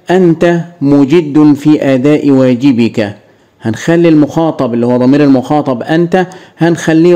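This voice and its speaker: Man, Egyptian accent, teacher, fairly high voice, warm and mellow, asks himself questions then answers. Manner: explains step by step, asks and answers his own questions. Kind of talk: grade-school grammar lesson.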